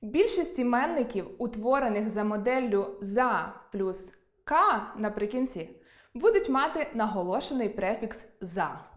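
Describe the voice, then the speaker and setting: A woman teaching an online lesson, reading from a script and slowly drawing out example words. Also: a little high, expressive, roomy sound.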